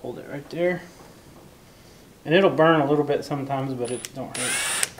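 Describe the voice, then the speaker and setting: Brief: middle-aged farmer, patient and gentle coaching tone, recorded in a noisy barn by a camera mic. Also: male voice, mid-range voice, moderate pace. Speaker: farmer teaching a boy carpentry. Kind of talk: patient step-by-step instruction. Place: large metal barn, indoors. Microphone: camera mic, varying distance. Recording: noisy barn, drill sounds.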